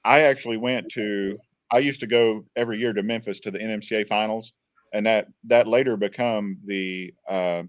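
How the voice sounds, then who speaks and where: A man's voice: lowish voice, steady tone, normal speed, no room sound, lo-fi sound. A man guest on a podcast, telling long casual stories, repeating words and retelling what people said. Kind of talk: casual storytelling.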